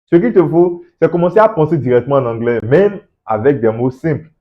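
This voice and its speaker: A man's voice: on the high side, animated, brisk. Encouraging man coaching with rhetorical questions. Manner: encouraging, rhetorical questions, repeats words when stressing a point. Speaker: host of an English-learning channel. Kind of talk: motivational talk to camera, addressing the viewer directly. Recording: slightly dull, lo-fi sound.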